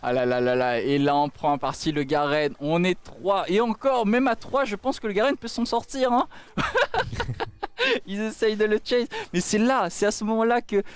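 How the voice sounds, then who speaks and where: A man giving excited esports caster play-by-play, full of repeated exclamations. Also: sits high, normal speed, hardly any pauses, smooth. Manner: exclamatory, with repeated cries of dismay and amazement.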